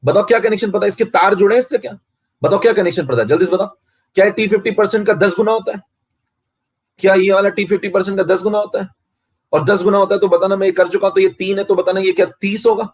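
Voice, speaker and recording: A man's voice: sits high, steady tone, fast, breathy edge. A man teaching chemistry in a live-streamed online lecture, boastful and forever checking whether his students follow. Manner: boastful, keeps asking students if they follow.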